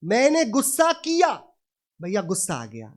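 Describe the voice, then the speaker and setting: A man preaching an afternoon Jain sermon in an unhurried, deliberate rhythm. He keeps putting questions to his audience, addressing them as brother. His delivery is emphatic and rhetorical. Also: sits high, wildly swooping pitch.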